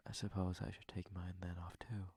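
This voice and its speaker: Speaking in a low voice and often a breathy whisper, a man plays a courteous, bashful young prince who is flustered, surprised and hesitant in an intimate ASMR roleplay. He uses formal, gentle phrasing with a level tone at a fairly quick pace, and there is no room sound.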